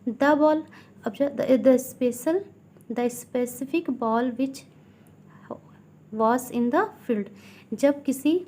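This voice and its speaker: A woman teacher with an Indian English accent, reading English lines slowly and explaining them quickly in Hindi, asking questions as she goes. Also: sits high, dark tone. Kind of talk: classroom grammar lesson.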